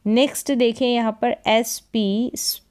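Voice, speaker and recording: A woman's voice: a little high, fairly even intonation, a little slow, a little mellow, smooth. A woman teaching English reading, sounding out words syllable by syllable and asking and answering her own questions. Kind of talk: slow phonics lesson.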